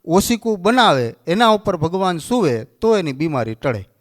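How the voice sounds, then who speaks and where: A man's voice: sits high, sing-song, moderate pace. A man with a Kathiawadi Gujarati accent giving a storytelling sermon, acting out the dialogue of the figures in the tale. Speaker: religious speaker.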